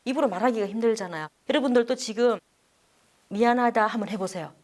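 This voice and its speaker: Nun lady telling a bible class story, lively, asks the room stuff, does all the voices. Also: a little high, fairly quick. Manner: animated, acts out the people in her story; asks the audience questions.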